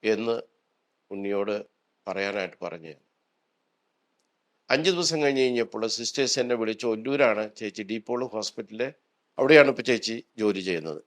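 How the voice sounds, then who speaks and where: A man's voice: fairly low pitch, expressive, brisk, long pauses. A priest, a man, earnestly tells a personal testimony and retells what people said to him. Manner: earnest storytelling, retelling dialogue.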